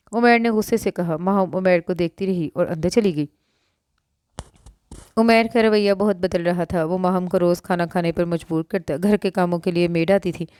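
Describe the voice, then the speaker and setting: Smooth-voiced woman narrating a novel. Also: on the low side, darkish tone, no room sound, studio quality. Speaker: audiobook narrator.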